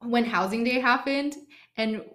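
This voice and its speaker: A woman's voice: a little high, unhurried, fairly bright tone, roomy sound. A young college woman guest on a podcast, sick and chewing a cough drop, giggly and flustered. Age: young adult. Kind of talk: casual chat.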